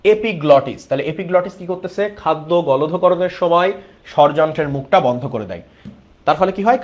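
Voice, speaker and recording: A male biology teacher runs an online class, his voice sitting a little higher than most men's. He explains each point step by step and keeps turning to his students with questions.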